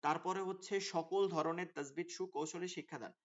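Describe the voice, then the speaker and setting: A man's voice: high voice, fairly even intonation, moderate pace. A man teaching an online Quran course, explaining the class plan in a hesitant way with many fillers over a video call. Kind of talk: online class orientation talk. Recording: dull lo-fi call audio.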